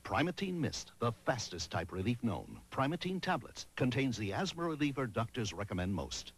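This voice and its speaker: Male ad narrator with very varied pitch. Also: very animated, normal speed, slightly rough. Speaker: commercial announcer. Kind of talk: scripted medicine ad narration.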